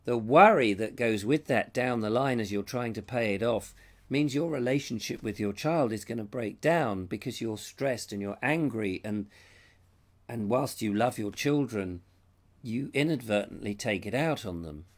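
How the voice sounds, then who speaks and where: On a lapel mic, a middle-aged host from England talks through a live stream, rambling and reading viewers' comments aloud. A cold has left his medium-pitched voice strained and fading, and he speaks at a moderate pace.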